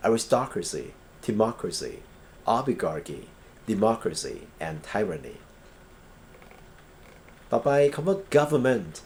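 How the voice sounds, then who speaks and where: A Thai man lecturing on English grammar and legal vocabulary, reading English examples slowly and then explaining them quickly. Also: medium pitch, big pitch swings, darkish tone, a little hiss or hum.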